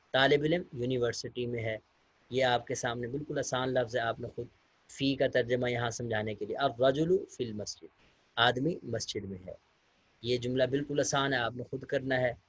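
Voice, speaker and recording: In a recorded online Arabic lesson, a male teacher reads short Arabic sentences aloud, then translates and explains each step by step, patiently addressing his students. His voice is mid-range and a bit bright, with no echo.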